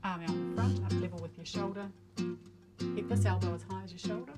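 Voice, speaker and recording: A woman coaching archery in plain, measured step-by-step instructions. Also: fairly low pitch, steady tone, over loud music.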